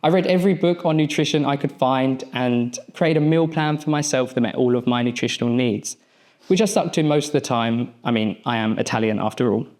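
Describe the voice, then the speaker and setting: Young man, mindset coach, motivational stage speech, storytelling, punchy short phrases, mid-pitched voice. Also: darkish tone. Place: event stage at a podium.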